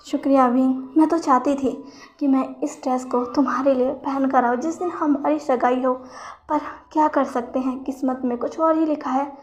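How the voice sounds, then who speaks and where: A woman with a high, slightly mellow voice plays a coy, scheming young woman, keeping her intonation fairly even and her pace moderate. Her voice stays close to how she would normally talk.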